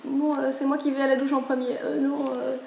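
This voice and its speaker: A woman voicing a brood of little chicks from a picture book, squabbling in high, whiny voices. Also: level tone, a little fast, vocal fry, warm tone, reverberant. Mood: bickering.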